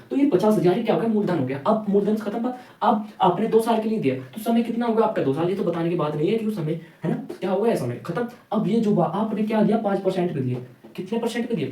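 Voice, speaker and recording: Fast, echoey man teaching math. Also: fairly high pitch, mellow, far from the mic. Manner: rhetorical questions answered himself, repeats "ठीक है". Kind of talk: classroom math lesson.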